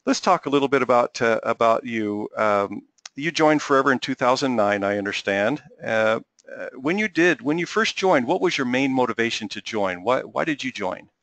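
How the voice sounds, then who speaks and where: A middle-aged man hosting an interview, courteous and halting, with many filler sounds. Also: medium pitch, lively intonation, fairly bright tone, no room sound. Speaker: host.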